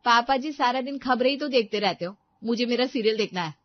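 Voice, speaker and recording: A woman voicing a bossy, sharp-tongued young daughter-in-law who talks in a scornful, demanding way in a cartoon story. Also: on the high side, a little fast, highs cut off, voice pushed up, lightly acted.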